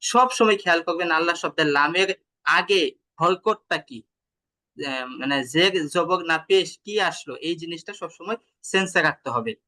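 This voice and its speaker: Male Quran teacher, Bangladeshi Bengali accent, bright, slightly high voice; patient explanations, slow chanted examples, over a video call. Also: animated. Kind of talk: online tajweed lesson.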